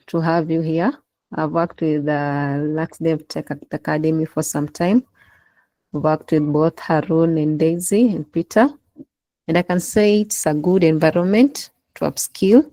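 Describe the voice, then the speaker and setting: A woman's voice: low-pitched, mellow, no room sound, poor audio. A woman leading an online class session over a laptop call, encouraging her listeners to take part. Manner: encouraging, prompting participation. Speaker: instructor. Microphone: laptop in a video call.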